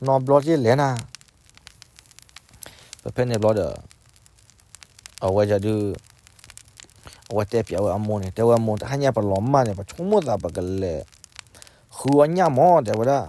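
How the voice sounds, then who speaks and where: A man telling a folk story in an unhurried, conversational way. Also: mid-range voice, dark tone.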